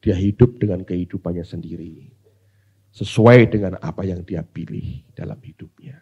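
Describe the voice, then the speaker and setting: A male pastor preaching a sermon. He switches between hushed asides and loud, dramatic exclamations. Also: sits low, moderate pace, husky, muffled recording.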